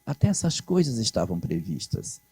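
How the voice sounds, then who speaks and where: A man's voice: on the low side, sing-song, normal speed, dark tone, breathy edge. A man with a Brazilian accent giving a religious lecture, explaining patiently with rhetorical questions and acted quotations. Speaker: lecturer at a spiritist conference.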